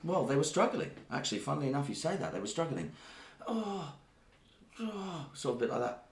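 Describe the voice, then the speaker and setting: Brisk and high-pitched, with big pitch swings and vocal fry, a man from Greece hosts a live stream. He tells a wandering, comic tall tale, and the audio has a roomy echo.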